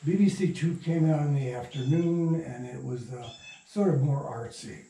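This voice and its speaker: Heard at a distance from the mic with roomy echo and slight background noise, an older interview guest shares anecdotes in a loose, reminiscing way. His voice is warm and on the high side, at a normal speed.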